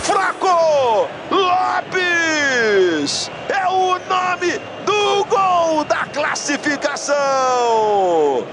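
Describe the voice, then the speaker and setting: Man, Brazilian accent, explosive football goal calls, very high shouted pitch, long-drawn words, stadium din behind. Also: big pitch swings, very slow, over music. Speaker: football play-by-play commentator. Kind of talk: live football commentary. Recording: loud stadium crowd and noise behind the voice.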